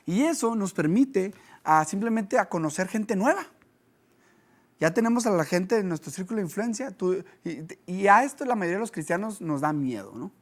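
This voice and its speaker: A man's voice: high-pitched, moderate pace. Man preaching conversationally. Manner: conversational, with lively storytelling. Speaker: pastor. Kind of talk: sermon teaching.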